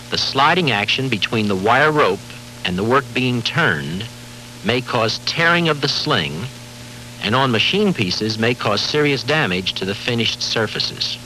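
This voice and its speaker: A man delivers formal, measured, authoritative scripted narration for a safety training film. His mid-range voice is bright and forceful, with lively intonation. The audio is poor, coming from a worn VHS tape copy with faint hiss and hum.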